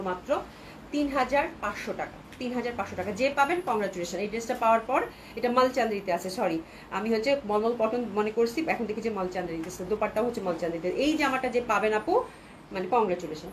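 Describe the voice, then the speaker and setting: A woman with a Bangladeshi Bengali accent hosting a live clothing sale, chatting with viewers and repeating prices, with a cold that keeps her speaking softly. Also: mid-range voice, a little hiss or hum. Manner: chatty, repeats prices, mixes in English words. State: has a cold, talking softly to avoid coughing. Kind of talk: live sales chat with viewers.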